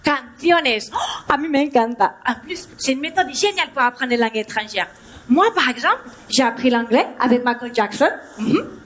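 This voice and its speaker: A woman's voice: high-pitched, lively intonation, moderate pace. A young woman comedian on stage, voicing a bubbly Spanish woman who teaches a language class in French with a Spanish accent, playful and teasing the audience. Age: young adult. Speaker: stand-up comedian. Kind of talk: stand-up character act. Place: theatre stage before a live audience.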